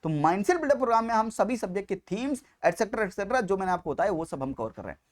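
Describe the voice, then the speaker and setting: An Indian man delivers exam coaching in a high, rapid-fire voice. Key points get stressed and repeated as he shifts between Hindi and Indian-accented English, his intonation bouncing animatedly.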